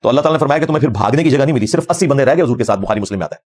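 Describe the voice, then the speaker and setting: Middle-aged male religious scholar, combative lecture delivery at a quick pace. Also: mid-range voice, expressive, a little mellow. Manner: combative, fervent, quotes Arabic verses.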